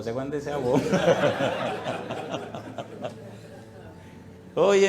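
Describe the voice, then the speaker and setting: Animated man telling a sermon story. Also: medium pitch, slight background noise. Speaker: preacher.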